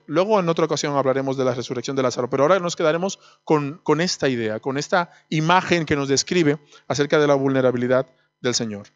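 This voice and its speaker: A man's voice: on the high side, no room sound. Conversational male preacher, slightly dull sound. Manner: conversational, asks the congregation questions. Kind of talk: sermon. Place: church.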